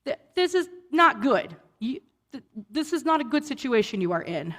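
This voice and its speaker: A woman's voice: sits high, sing-song, moderate pace, fairly bright tone. A woman cantor giving a personal, earnest sermon, breaking off and restarting words and lifting her voice for quoted questions.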